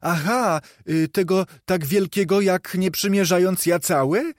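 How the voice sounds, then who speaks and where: Audiobook: a high, cheeky little street boy, quick astonished replies played by a male reader. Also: dry recording, clean studio sound. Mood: surprised.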